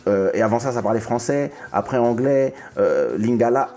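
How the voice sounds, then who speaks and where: A man's voice: mid-range voice, lively intonation, normal speed, dark tone. A man born in the Congo hosting a casual music interview, talking with many restarts and repeated words. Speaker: host.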